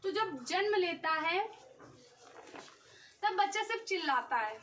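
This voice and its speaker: A young woman teaching an exam-prep lesson, her voice very high and bright. She goes through the material step by step and keeps checking that the students follow. The sound is dull and heard from a little way off the mic. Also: lively intonation, a little slow, slight background noise. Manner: explains step by step, often checks with "ठीक है". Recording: dull, slightly distant recording.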